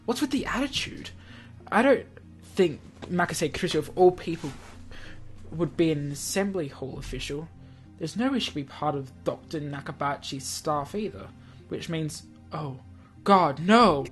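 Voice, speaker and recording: Reading a visual novel in a let's play, this man narrates theatrically and drops offhand, casual commentary between lines. He has a fairly high-pitched, expressive voice at normal speed, with faint music in the background.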